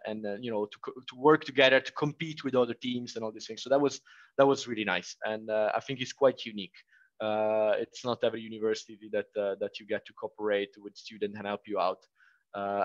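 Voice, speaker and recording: A young Italian man, once an international student, answers interview questions casually and hesitantly in an Italian accent, full of fillers and restarts. His voice is on the low side, and the audio is dull with no room sound.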